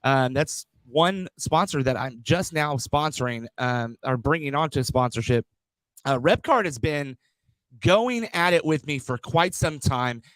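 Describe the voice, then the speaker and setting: A man's voice: fairly high pitch, animated, measured pace, a bit bright, no room sound, low-quality recording. A man hosting a podcast from a studio, reading out sponsors and introducing a guest in a hyped-up, stumbling way, often repeating his words. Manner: hype-driven, repeats words, stumbles on them. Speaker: podcast host.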